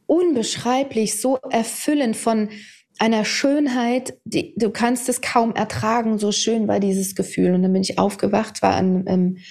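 A woman in her fifties, a TV presenter, telling her personal story to an interviewer in a candid, animated way. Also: mid-range voice, creaky. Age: 50s. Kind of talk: personal testimony in conversation.

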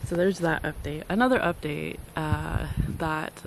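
A woman's voice: low voice, a little slow, poor audio. A woman in her thirties, a book vlogger chatting casually and rambling with frequent ums, filmed outdoors at a lakeside campsite on a phone held at arm's length. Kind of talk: casual chat. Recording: outdoor phone audio with background noise.

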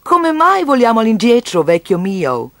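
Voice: medium pitch, huge pitch swings, moderate pace, fairly bright tone, no room sound. Breezy, friendly storybook aviator, read by one storyteller. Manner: breezy, chummy. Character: cheerful stranded male aviator.

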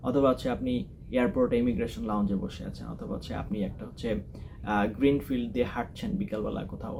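A man's voice: medium pitch, creaky, noisy background. A man hosting a test-preparation channel, explaining speaking practice step by step and mixing English phrases into his lesson. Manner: mixes English phrases into explanations, repeats points. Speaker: test-prep channel host. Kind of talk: instructional talk.

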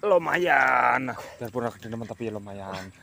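A man's voice: lowish voice, level tone, quick pace. A man, chatting casually as he fishes for eels outdoors and talks to his viewers. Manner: chatty, exclaiming often, addresses viewers as friends. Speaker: eel-fishing vlogger. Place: outdoors by a rural stream.

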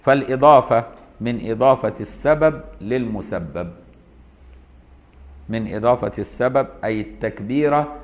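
An Egyptian man gives a lesson on a classical legal text, moving between formal reading and casual colloquial explanation. His voice sits at a middle pitch, and the recording is a little dull and muffled. He often stops to ask whether his listeners have understood. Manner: reads a line then explains it in colloquial speech, often checking understanding. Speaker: Islamic law teacher.

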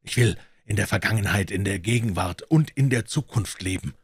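Male reader doing an old miser, elated, breathless exclamations; low, husky. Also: normal speed, no room sound, clean studio sound. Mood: fervent.

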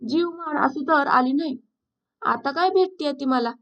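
A woman's voice: high-pitched, a little slow, fairly bright tone, highs cut off. A woman voicing a sickly, sorrowful blind village woman who talks in rustic village speech.

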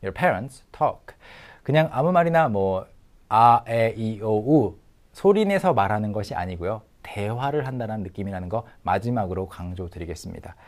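Middle-aged guy lecturing, patient drill style, kinda low voice that swings up and down a lot. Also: expressive. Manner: patient, drills phrases slowly with repetition. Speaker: English teacher. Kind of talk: recorded language lecture.

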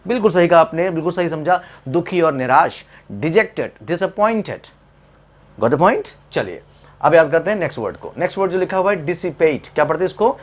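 A man with an Indian English accent teaches vocabulary to camera, switching between Hindi and English as he goes. His voice sits a little high for a man, and he keeps asking the class questions, answering them himself and repeating each point. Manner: repeats key points, instructive and lively.

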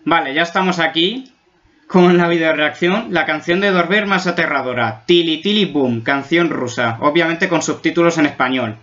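A Spanish YouTuber reacts to a video in a fairly bright voice on the high side, at a moderate pace. He jokes and exaggerates as he gets spooked, and the recording is dull and lo-fi.

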